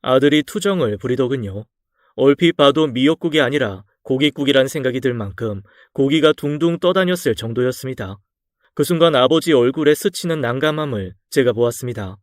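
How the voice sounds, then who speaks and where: A man narrating a scripted true-life story in a calm, measured way, recorded close and dry. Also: medium pitch, no room sound.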